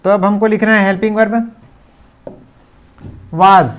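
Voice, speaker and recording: A man with a fairly high voice teaches grammar in a classroom-style video lesson. He explains patiently and drops into English for example sentences, which he repeats slowly. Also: little pitch movement, clean tone. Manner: mixes English sentences into his speech.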